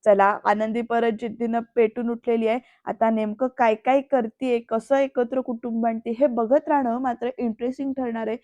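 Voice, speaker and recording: A woman's voice: on the high side, level tone, normal speed, few pauses, dark tone, dry recording. A woman narrating a voice-over recap of a TV serial in a chatty way, speaking straight to the viewers. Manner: chatty, addresses viewers directly. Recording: dull lo-fi dry voice-over.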